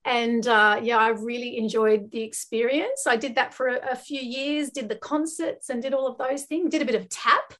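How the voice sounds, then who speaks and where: A woman's voice: fairly high pitch, fairly even intonation, moderate pace, hardly any pauses, fairly bright tone. An Australian woman from Western Sydney, chatting as a podcast guest with many fillers and restarts. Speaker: guest, arts educator. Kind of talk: casual podcast interview.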